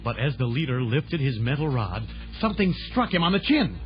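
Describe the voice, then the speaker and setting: Very animated and brisk, a man with a mid-range, ordinary-sounding voice narrates a children's adventure drama like a stage announcer. It's an old, dull, band-limited recording backed by loud dramatic music.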